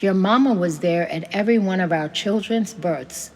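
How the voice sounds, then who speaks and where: A woman voicing a grieving older immigrant farm woman, telling old family memories in a gentle, tearful way. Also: medium pitch, moderate pace, long reverb tail, lightly acted. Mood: wistful.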